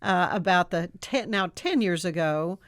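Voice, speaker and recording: A woman's voice: fairly low pitch, animated, unhurried, dry recording, studio quality. A woman hosting a casual interview, talking in a conversational way. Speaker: interview host.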